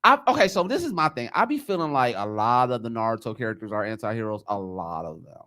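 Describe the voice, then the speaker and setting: A man's voice: medium pitch, very animated, fast, pushed and bright. A man hosting a casual anime discussion through a face mask that slightly muffles him, talking in a slangy, emphatic way and repeating himself. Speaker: podcast host.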